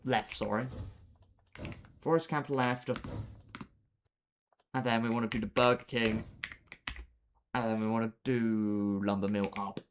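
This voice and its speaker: A man's voice: on the low side, fairly even intonation, measured pace, long pauses, a little hiss or hum. A young man chatting casually with viewers while he plays a building game on a live stream, with lots of fillers and laughs. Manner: laid-back, chatty, laughs often, trails off with fillers. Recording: faint keyboard clicks behind.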